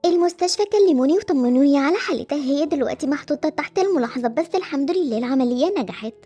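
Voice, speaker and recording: Quick and high, a woman plays a caring Egyptian headmistress in an animated game story. She soothes and reassures gently, with a light, bright pitch and rapid delivery. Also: soft background music. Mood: reassuring. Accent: Egyptian Arabic.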